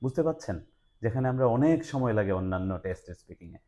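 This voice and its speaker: Low, mellow Bangladeshi man hosting. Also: quick pace. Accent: Bangladeshi Bengali. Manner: talks in a relaxed mix of Bengali and English, with frequent "ah" fillers. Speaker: host and TOEFL instructor. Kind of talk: promotional interview for a language institute.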